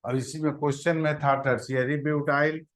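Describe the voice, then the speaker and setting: A man teaching a chemistry class, pausing to scold and prod his students to answer. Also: on the high side, fairly even intonation, fairly bright tone. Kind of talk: classroom lecture.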